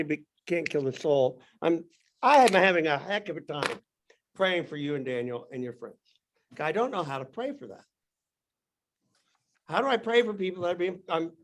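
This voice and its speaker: A man leading a Sunday school class in casual, rambling talk, joking and restarting his sentences. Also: fairly high pitch. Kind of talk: casual Bible class teaching.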